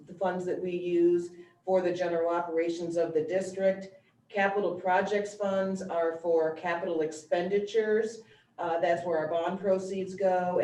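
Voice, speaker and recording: Woman doing a measured meeting presentation, pretty flat delivery, echoey room with faint noise. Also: fairly low pitch, distant mic. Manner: measured, explanatory, matter-of-fact. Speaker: school district finance presenter. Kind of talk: informal budget presentation. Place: meeting room, relayed over a video call.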